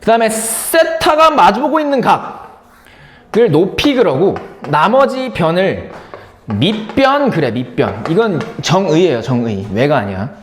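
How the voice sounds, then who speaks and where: Male math instructor, live classroom lecture, playful, repeats key terms, very lively pitch, echoey room, faint background noise. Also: measured pace. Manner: playful, repeats key words to drill students.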